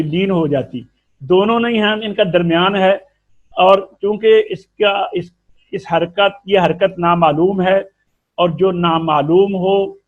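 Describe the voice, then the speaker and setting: Slow-spoken Urdu-accented tajweed teacher. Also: male voice, a little high, highs cut off. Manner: explains patiently, demonstrating sounds by drawing out syllables. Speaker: Quran recitation teacher. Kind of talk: classroom tajweed lesson.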